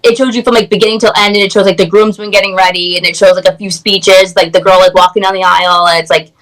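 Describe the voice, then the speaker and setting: Woman, guest, excited gushing chat, video call audio, mid pitch. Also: fast talker, rough recording. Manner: excited, gushing, heavy use of "like". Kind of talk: casual chat.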